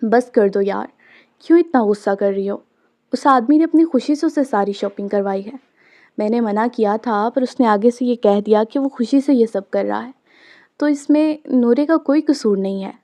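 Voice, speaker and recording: A woman reading the part of a caring female friend who calmly reassures in a storybook. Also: a little high, normal speed, close to an everyday voice. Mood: soothing. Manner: soothing, reassuring.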